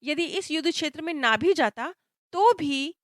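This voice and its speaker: A woman narrating a past-life story in a calm, explanatory way, with slow, reflective pauses. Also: high voice, no echo. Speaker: spiritual storyteller.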